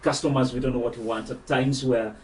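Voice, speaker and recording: A man of middle pitch conducting a casual interview and often chiming in with short agreements. His voice comes from some distance off the microphone. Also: steady tone, a little fast, a little hiss or hum. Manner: chatty, with frequent agreeing interjections. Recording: voice far from the mic.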